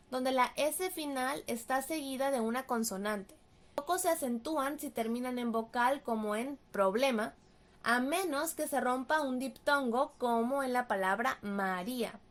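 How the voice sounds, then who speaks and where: A woman with a Mexican Spanish accent and a high voice leads a writing workshop. Her delivery is scripted and explanatory, clear and careful, and she slows down to spell out examples. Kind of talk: scripted teaching narration.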